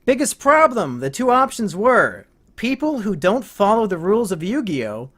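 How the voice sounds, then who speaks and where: A man's voice: sits high, very animated, moderate pace, a bit bright. A man co-hosting a podcast, trading crude, mocking banter and breaking into heated rants. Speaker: podcast co-host. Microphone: podcast microphone.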